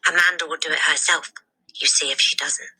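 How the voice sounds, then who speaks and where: A woman's voice: sits low, fairly even intonation, fairly quick, bright, forceful tone, slightly rough, exaggerated voice, low-quality recording. A woman voicing a knowing young schoolgirl in a children's storybook, speaking in an emphatic, confiding way. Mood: confident.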